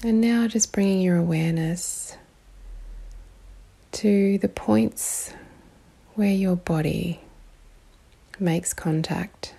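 A woman guiding a meditation in a calm, soothing way, with long pauses and a soft, breathy, partly whispery voice. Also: medium pitch. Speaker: meditation guide. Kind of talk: guided meditation.

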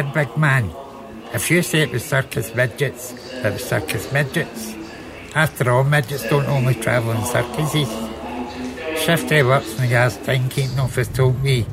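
An actor playing a scheming, matey Scottish street chancer with sly patter in an audio comedy. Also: male voice, medium pitch, fairly even intonation, normal speed, over music, natural voice, low-quality recording.

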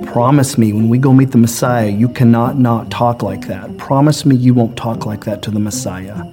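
A man's voice: medium pitch, moderate pace, close to an everyday voice. A man voicing a fussy, worried shepherd in a filmed comedy skit. He nitpicks and pleads with a nervous earnestness. Faint music lingers in the background. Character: fussy, anxious male shepherd.

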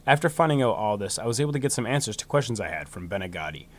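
A man hosting a true crime podcast, reading a scripted story in a solemn, measured way, with phrases that trail downward. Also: on the low side, very animated. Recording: music behind the voice. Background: music bed.

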